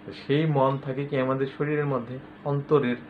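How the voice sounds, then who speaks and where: A man teaching a grammar lesson to school students, patiently explaining and repeating example words with loud stress. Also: medium pitch, flat delivery, a little fast, slight background noise. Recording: tinny lo-fi phone-like recording.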